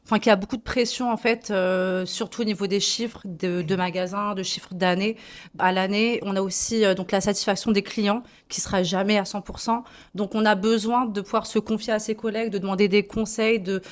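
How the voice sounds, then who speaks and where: A chatty woman answers questions about her sales job in a kitchen showroom. Her voice sits at an ordinary middle pitch and she talks casually, with plenty of hesitations and easy laughs. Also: steady tone, brisk. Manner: chatty, laughs easily, many fillers. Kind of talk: casual answers to young visitors.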